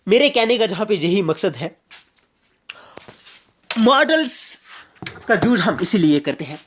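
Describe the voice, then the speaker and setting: A man from Jammu and Kashmir, a teacher giving an explanatory grammar lecture and repeating each point slowly with English examples. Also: sits high, sing-song, a bit bright, a little hiss or hum.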